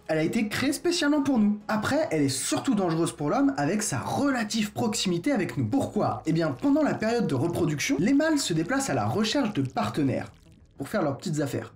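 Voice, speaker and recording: A man hosting an educational video in a casual, joking style, using slang and talking straight to his viewers. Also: sits high. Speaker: educational YouTuber. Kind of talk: casual explainer narration.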